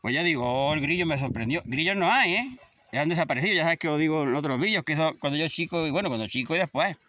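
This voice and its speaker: Man in his 50s, chatty shepherd vlogger, bright lively voice, faint outdoor noise. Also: on the high side, fast. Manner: chatty, scolds animals between stories. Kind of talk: casual outdoor vlog. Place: outdoors in a field.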